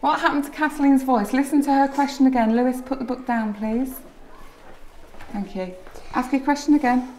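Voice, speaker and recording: A woman's voice: high-pitched, normal speed, darkish tone, a little hiss or hum. A woman with an English accent teaching a primary school class, encouraging and asking her pupils simple guiding questions. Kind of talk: classroom teaching to young children.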